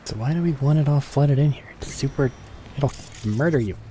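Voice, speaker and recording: Man, game player, fast pace, mid pitch, blunt, jokey, casual commentary, slight background noise. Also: mellow.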